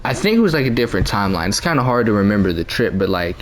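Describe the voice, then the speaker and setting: Young dude rambling a story into his mic, kinda low voice, tons of slang and "you feel me". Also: sing-song, racing, a little hiss or hum. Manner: slangy, rambling, heavy fillers and frequent profanity. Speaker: streamer telling a story. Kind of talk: casual storytelling. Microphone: own desk mic.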